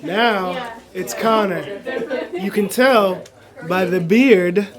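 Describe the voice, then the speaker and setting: A man's voice: high voice, very slow, in a large hall. A man hosting a casual vlog, joking and boisterous, talking in a busy cafe. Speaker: vlog host. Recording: music and crowd chatter behind.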